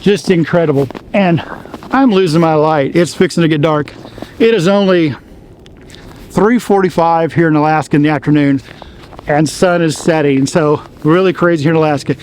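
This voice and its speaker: A man hosting a wildlife photography channel, outdoors at dusk, cold and talking fast as he explains a giveaway in a casual, repetitive way. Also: on the high side, a little mellow, slight background noise, low-quality recording. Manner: chatty, repeats instructions, talks fast.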